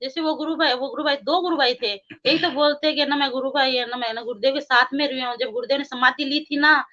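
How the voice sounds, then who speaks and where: A woman's voice: high-pitched, steady tone, a little fast, pushed and bright, muffled recording. A woman earnestly recounting a spiritual experience in a casual, repetitive way, often quoting her own prayers. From India. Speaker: guest devotee.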